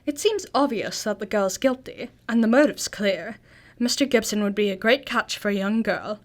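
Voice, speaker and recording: A woman's voice: mid-range voice, normal speed, natural voice. A woman playing Doctor Watson, a cheery, curious detective's companion, in an amateur radio drama with polite, old-fashioned, exclamatory speech. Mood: intrigued.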